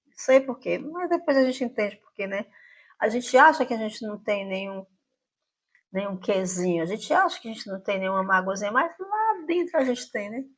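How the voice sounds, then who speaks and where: A woman's voice: mid-range voice, lively intonation, brisk. Reflective Brazilian woman telling a story. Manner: reflective, conversational, often adds "né?". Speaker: channel host. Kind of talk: personal storytelling monologue.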